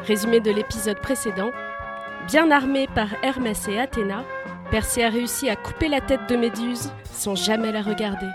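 A woman's voice: a little high, moderate pace, music in the background. A woman storyteller giving scripted narration of a myth for young listeners, vivid and lifting with the action.

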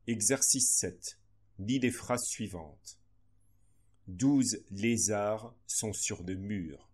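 A man with a low, husky voice reads a phonics lesson. He goes very slowly and deliberately, pausing between each word. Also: darkish tone. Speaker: teacher. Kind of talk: slow phonics lesson reading.

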